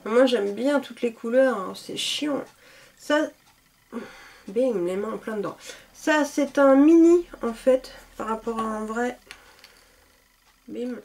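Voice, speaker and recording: Beauty vlogger, woman, casual and enthusiastic, voice sits a bit high. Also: slow, vocal fry, long pauses, darkish tone. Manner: chatty, enthusiastic, many fillers. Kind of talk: casual product showcase.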